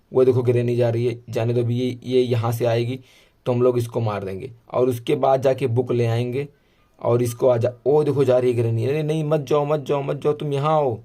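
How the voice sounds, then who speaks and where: A man giving casual, chatty commentary over a horror game he is playing, calling the viewer brother and getting excited at game moments. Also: medium pitch. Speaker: gameplay commentator. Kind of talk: casual let's-play commentary.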